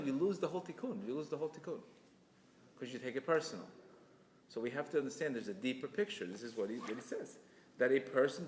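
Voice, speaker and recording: A man giving a lively religious class, acting out quoted voices and laughing often as he teaches. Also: mid-range voice, slight background noise. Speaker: Torah lecturer. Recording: echoey hall.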